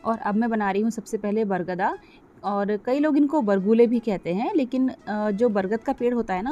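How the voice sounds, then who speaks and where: This middle-aged cooking vlogger has a dark-toned, mid-range voice. In a relaxed voice-over she explains each step conversationally, regularly speaking right to her audience.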